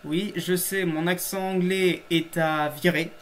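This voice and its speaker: A man's voice: high voice, steady tone, slow pace, a bit bright. A man hosting a casual reaction video, chatty and emphatic, often laughing at his own mistakes. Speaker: YouTube host reacting to his old episode.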